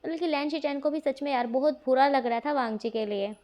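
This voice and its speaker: High-voiced woman narrating a story casually. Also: brisk, a little mellow. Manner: chatty, with frequent fillers. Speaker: fanfiction reader.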